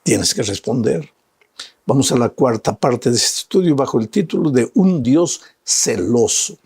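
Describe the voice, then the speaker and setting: A man preaching a sermon, speaking straight to the listener with rhetorical questions and leaping up in pitch to stress key words. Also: animated, moderate pace, a little mellow, husky, no room sound, studio quality. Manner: emphatic, swings to high pitch on key words. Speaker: evangelist preacher.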